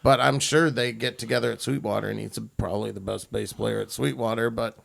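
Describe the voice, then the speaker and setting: A man's voice: lowish voice, steady tone, brisk, creaky, a bit bright. A man in a band, chatting laid-back about music and laughing easily. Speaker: band member guest. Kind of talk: casual chat.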